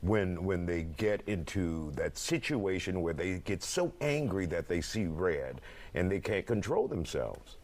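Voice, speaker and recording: A male talk show host with a fairly low voice. His pitch moves around a lot as he interviews guests, giving the questions a very lively shape. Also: measured pace. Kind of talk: broadcast interview.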